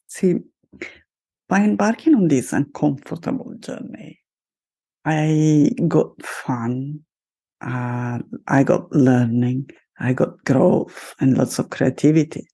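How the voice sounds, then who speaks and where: A middle-aged woman with an Italian accent, a life coach and podcast host, delivers a solo monologue straight to her listeners, upbeat and self-celebrating. Her low-pitched voice is gravelly, warm, and slightly rough.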